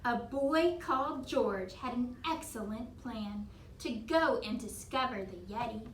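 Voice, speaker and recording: A woman reading a picture book aloud to young children in an animated storytelling style. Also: a little high, unhurried. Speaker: children's story reader, teacher. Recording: echoey room, distant mic, faint noise.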